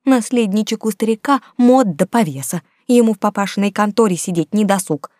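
A woman voicing a plump, rosy gossiping laundress who scolds loudly and frets. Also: mid-range voice, a little fast, no room sound, studio quality, voice pushed up, natural voice. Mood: agitated scolding. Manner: loud, scolding, agitated.

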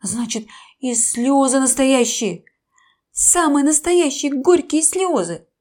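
A woman's voice: high-pitched, lively intonation, slow, a little mellow. A woman doing a ringing-voiced little bird. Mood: indignant. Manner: earnest, scolding.

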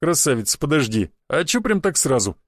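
Brief: narrator doing a hulking flirt with a quick temper, dry close sound. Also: male voice, fairly high pitch, sing-song, dry recording. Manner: swaggering, later grumbling.

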